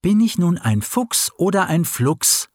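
A man's voice: sits high, big pitch swings, unhurried, no echo, pitched above the performer's own voice, heavily acted. A man voicing a restless, self-doubting young fox in a storybook reading. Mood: questioning.

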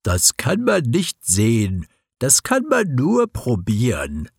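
Man voicing a slow snail woman, deliberate, husky, dry storybook voice. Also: mid-range voice, huge pitch swings, no echo, heavily acted. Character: slow, wise-sounding female snail.

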